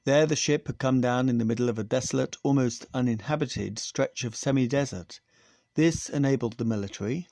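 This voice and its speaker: A male podcast host reading a science fiction story aloud in a steady, even manner. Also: medium pitch, vocal fry, dry recording, studio quality.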